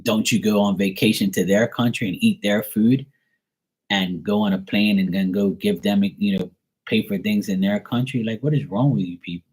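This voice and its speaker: A Bermudian man speaks in a husky, somewhat low voice. He rants bluntly and swears freely, with the loose, off-the-cuff feel of a livestream host talking to his viewers. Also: steady tone, normal speed, darkish tone. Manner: blunt, profane, ranting. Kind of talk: casual livestream rant.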